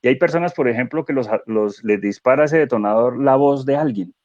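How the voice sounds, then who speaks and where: A man speaking as a guest neuro-coach in a conversational webinar, animated and explanatory, asking rhetorical questions. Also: medium pitch, a little fast, no room sound, lo-fi sound.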